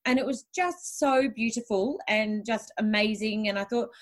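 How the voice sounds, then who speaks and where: A woman's voice: a little high, normal speed. A woman chatting casually in an enthusiastic, giggly way. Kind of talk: casual chat.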